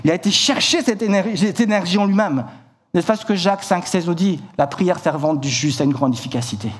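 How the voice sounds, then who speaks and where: Male preacher with a high voice, vivid storytelling, repeats himself, church sermon. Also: brisk, husky. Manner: animated storytelling, acts out shouted lines; repeats words, stumbles and restarts.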